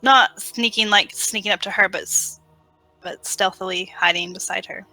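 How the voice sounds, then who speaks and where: A woman's voice: mid-range voice, steady tone, normal speed, bright, forceful tone, soft background music, rough recording. A woman playing a tabletop game, describing her character's moves and correcting herself as she goes. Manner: restarts and self-corrections while describing actions. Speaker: player. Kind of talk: casual tabletop game play.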